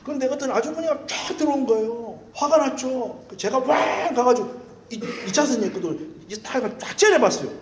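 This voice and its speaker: A male pastor preaching a sermon, telling candid, self-mocking stories in an animated way. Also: extremely high pitch, brisk, reverberant.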